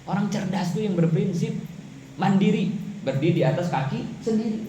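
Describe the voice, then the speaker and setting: A man's voice: sits high, animated, normal speed, noisy background. A man preaching a casual, joking sermon to a women's study group, asking and answering his own questions. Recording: echoey hall, dull sound.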